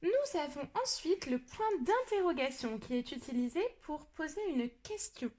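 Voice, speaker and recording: A French woman teaching reading to young pupils, explaining calmly and speaking to the child as tu, then acting out example sentences with strong emotion. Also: high-pitched, moderate pace. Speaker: primary school teacher.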